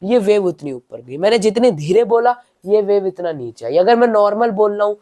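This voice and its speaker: Patient male tutor reading definitions slowly. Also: high voice, lively intonation, warm tone. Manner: asks the listener rhetorical questions, then answers them; reads English definitions slowly, word by word. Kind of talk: explanatory science lesson.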